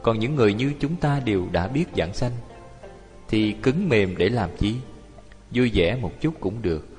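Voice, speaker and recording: A low-voiced man delivers a Buddhist dharma talk as a lay teacher. He tells his stories vividly and acts out the people he quotes. His voice rings with a long hall reverb over faint music. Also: lively intonation, moderate pace, darkish tone. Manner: storytelling, acting out the people he quotes.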